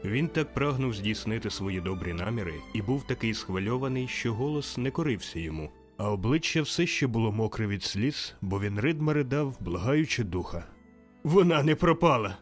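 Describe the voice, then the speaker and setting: A man reading a classic story aloud as an audiobook narrator, measured and expressive. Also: fairly low pitch. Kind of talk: scripted narration. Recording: faint music behind.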